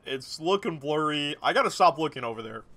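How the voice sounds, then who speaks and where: A man's voice: on the high side, expressive, a little fast, sharp tone. A young man giving casual gameplay commentary to viewers, rambling and repeating himself in a tipsy way. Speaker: gaming video creator. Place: small indoor room at a gaming setup.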